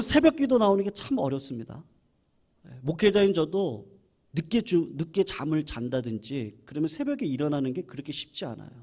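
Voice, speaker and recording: High-voiced man preaching with sudden emphasis. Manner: swings between soft asides and loud emphatic declarations. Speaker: pastor. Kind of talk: sermon. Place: church service.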